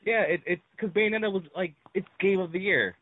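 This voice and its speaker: A young man in casual late-night chat about games, excitable and quick to repeat himself when he disagrees. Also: sits high, no echo. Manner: excitable, repeats words when pushing back. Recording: tinny phone-like line, dry.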